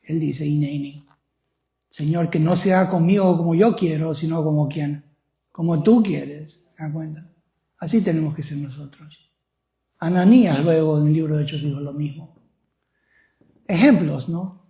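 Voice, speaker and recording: A man's voice: fairly high pitch, moderate pace, long pauses, dark tone, reverberant. A male pastor preaching a sermon, often putting questions to the congregation.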